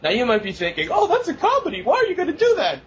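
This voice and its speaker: A young man co-hosts a casual podcast chat, rambling, swearing and laughing often. His very high-pitched, a bit bright voice races along with huge pitch swings. The recording is dull and lo-fi with faint noise.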